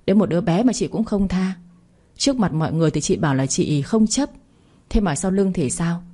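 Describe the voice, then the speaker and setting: A woman's voice: lively intonation, fairly quick, mellow. Woman voicing a scolding mother-in-law. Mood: angry. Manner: shrill scolding, accusing. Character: sharp-tongued middle-aged mother-in-law.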